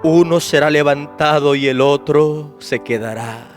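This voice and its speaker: A man preaching a fervent sermon at a church service, swinging from soft asides to loud, drawn-out shouts and calling out to listeners by name. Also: fairly high pitch, faint music behind. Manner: repeats key phrases and calls out to listeners by name. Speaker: pastor.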